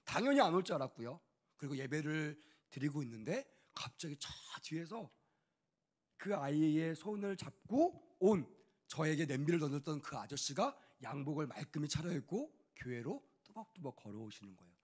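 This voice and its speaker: A young man preaches as a youth pastor and tells a story from his own life with lively, acted-out quotes. His voice sits a little high and has a husky, breathy edge. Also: moderate pace. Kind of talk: sermon testimony.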